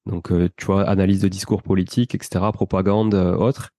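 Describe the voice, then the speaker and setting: A man's voice: low-pitched, level tone, fairly quick, dark tone, dry recording, clean studio sound. A man of around forty with a Toulouse accent, telling his life story as a guest in a casual interview and often turning to the host. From France. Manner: chatty, addresses the host with "tu vois".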